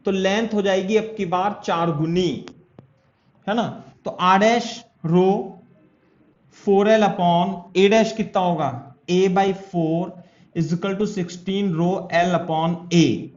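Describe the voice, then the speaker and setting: A man's voice: high-pitched, fairly even intonation, very slow, a little mellow. A male physics teacher giving a classroom lecture, working through a problem step by step and often checking whether his students follow. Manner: explains step by step and keeps asking if students follow. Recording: echoey room, dull lo-fi sound.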